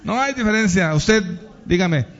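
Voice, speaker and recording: A man's voice: sits high, lively intonation, a little slow, a bit bright, muffled recording. A man preaching to a congregation in a playful, teasing way, quizzing couples and asking the audience questions. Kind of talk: lively sermon with audience questions.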